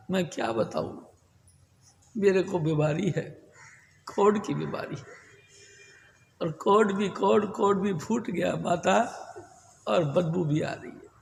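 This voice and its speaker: A desperate young man, as a male preacher acts him out, pleading in a plaintive, gravelly voice. The sound rings with hall reverb and carries faint noise. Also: sits high, slow pace, pauses often, heavily acted.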